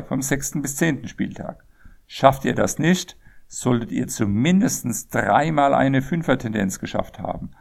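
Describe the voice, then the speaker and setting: A man hosting a football betting game, explaining its rules deliberately in a scripted way. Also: medium pitch, creaky, darkish tone.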